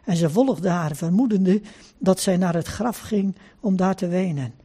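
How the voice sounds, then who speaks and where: A man preaching a sermon after a scripture reading. He talks slowly and deliberately, repeats phrases for emphasis and drops in short "hè" asides. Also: sits high, warm tone, breathy edge.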